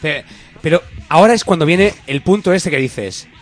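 A man co-hosting a comedy radio show, playful, slangy and animated, acting out scenes as he talks. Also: on the high side, moderate pace, faint music behind.

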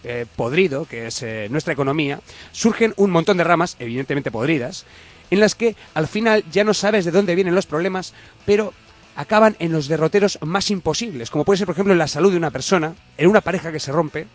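A man in his thirties hosts a comedic radio chat with a fairly high-pitched voice. He speaks from in a theatrical, ironic manner and rambles through his points. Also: lively intonation, brisk. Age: 30s. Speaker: radio host.

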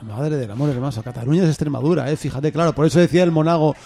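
A man trading dry, deadpan quips in a casual podcast chat. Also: on the high side, very fast, creaky, faint music behind.

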